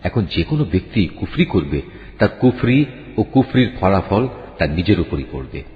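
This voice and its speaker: A man giving a solemn, measured reading of a scripture translation. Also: lowish voice. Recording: echoey hall reverb, dull lo-fi sound.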